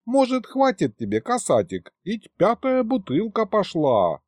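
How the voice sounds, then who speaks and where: A man voicing a fussy, fawning old grandfather who talks in a high, sing-song, wheedling way. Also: huge pitch swings, measured pace, darkish tone, no echo, clean studio sound, heavily acted.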